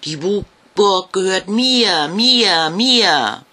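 A man voicing a big, grumpy old ghost who guards his castle, speaking loudly and with drawn-out words. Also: fairly high pitch, sing-song, husky, pitched above the performer's own voice, exaggerated voice. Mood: shouting angrily. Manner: loud, shouting and drawn out.

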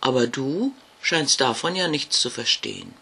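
A man voicing a big, grumpy old ghost who guards his castle, speaking loudly and with drawn-out words. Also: mid-range voice, husky. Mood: stern. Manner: loud, shouting and drawn out.

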